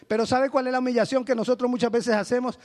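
A male pastor delivers a sermon in a notably high-pitched voice. He moves between loud, urgent exhortation and sudden low, quiet asides. The delivery is rhythmic and questioning, as if pressing the congregation. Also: fairly even intonation, quick pace.

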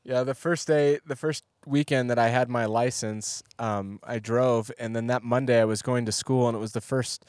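Relaxed conversational male pastor. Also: medium pitch, moderate pace, hardly any pauses, no room sound, studio quality. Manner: relaxed, conversational, asks follow-up questions. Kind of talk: casual podcast chat.

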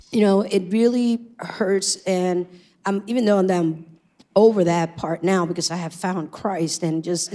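A middle-aged church member from Puerto Rico, a native Spanish speaker with a Puerto Rican accent, shares her personal testimony. Her voice is medium-pitched and mellow, and she speaks in an earnest, reflective way, with frequent ums.

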